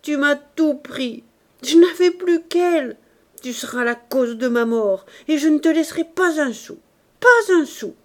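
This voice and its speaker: A woman's voice: high voice, lively intonation, a little slow, pitched above the performer's own voice. Woman voicing a tearful blustering old uncle. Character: older man, tearful jilted uncle.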